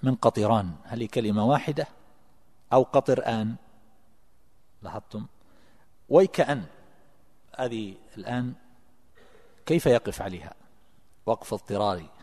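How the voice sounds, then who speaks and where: A man teaching a religious text, reading passages aloud and explaining them in a measured lecturing manner. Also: lowish voice, animated, dark tone, in a large hall. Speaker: sheikh teaching a classical text. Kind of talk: religious lesson explaining a treatise. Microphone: amplified lecture microphone.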